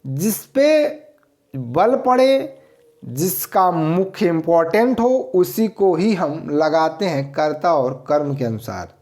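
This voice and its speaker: A man teaching grammar at an unhurried pace. His pitch rises and falls a lot as he poses a question and then answers it himself. He repeats each answer so students can follow. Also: very animated, a little mellow. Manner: explains slowly, repeats answers, asks and answers own questions. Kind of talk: grammar lesson.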